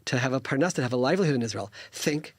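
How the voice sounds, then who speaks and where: Heard on a dry recording, a politician from the United States in his fifties talks as a studio guest at medium pitch, animated and rapid-fire. His manner is earnest and preachy, with frequent sentence restarts.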